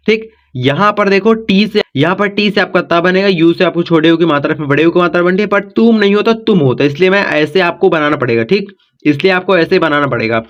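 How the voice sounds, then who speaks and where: Patient high-voiced male teacher, lo-fi. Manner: patient, repetitive, checks in with frequent "ठीक". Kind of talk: step-by-step spelling lesson.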